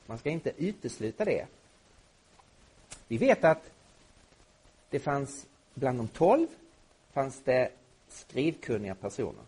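A middle-aged man teaching a Bible lesson to a live audience, emphatic and at times rising to loud indignation. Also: mid-range voice, very animated, long pauses, breathy edge.

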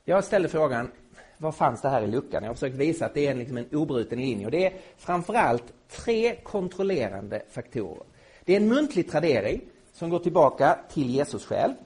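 A middle-aged man gives a spoken lecture to a group of listeners. His voice is a little husky and sits fairly high for a man. He talks with lively, swinging intonation and drives his points home emphatically. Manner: emphatic, rising to loud indignation. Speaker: Bible teacher. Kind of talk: lecture to a live audience.

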